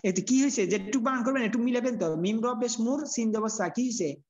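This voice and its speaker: A man teaching a Quran reading class, patiently correcting students and spelling out letters slowly. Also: very high-pitched, background noise. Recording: dull lo-fi audio.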